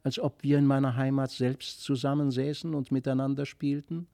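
A man reading the lines of a mysterious fairy child in a fairy-tale audiobook, softly earnest and wistful. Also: medium pitch, level tone, normal speed, creaky, no room sound, studio quality, pitched above the performer's own voice, close to an everyday voice. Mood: gentle.

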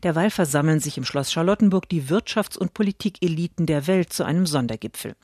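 A woman critic reading a scripted radio book review in a measured way. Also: low-pitched, lively intonation, darkish tone, no echo, studio quality.

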